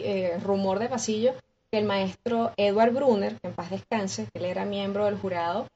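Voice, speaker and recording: A Venezuelan woman with a Venezuelan accent, a guest musician recounting her story in an interview with lively acted-out dialogue and frequent restarts. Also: mid-range voice, dull audio, a little hiss or hum. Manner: expressive, acts out quoted dialogue with many restarts.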